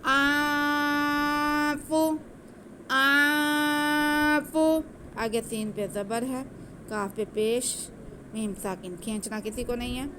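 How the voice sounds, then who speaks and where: A woman teaching Quranic recitation, patiently explaining each letter and then chanting the words slowly. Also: medium pitch, fairly even intonation, a little mellow, a little hiss or hum.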